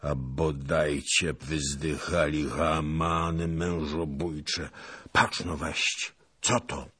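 A man voicing a grumbling, boastful old nobleman who mutters curses and prayers, then shouts excitedly. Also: a bass voice, drawn-out words, breathy edge, no echo, clean studio sound, heavily acted. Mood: muttering.

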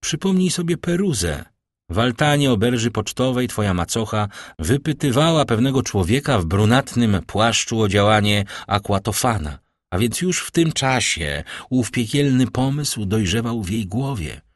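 A man's voice: medium pitch, very animated, moderate pace, no room sound, studio quality, pitched above the performer's own voice. A man reading aloud as a grave, fatherly nobleman, speaking in a solemn, reassuring way.

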